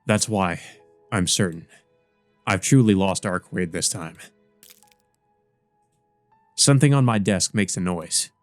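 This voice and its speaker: Reading a visual novel aloud, this fairly low-voiced man plays host to a let's play, mixing narration and casual remarks. The sound is close and dry, free of echo.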